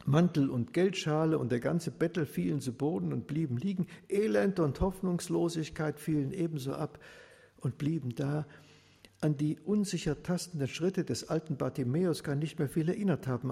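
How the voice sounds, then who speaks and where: Gravelly man telling a story with passion. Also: a little high, moderate pace. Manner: impassioned, swelling to desperate shouts. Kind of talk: dramatic first-person retelling as a blind beggar. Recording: reverberant hall.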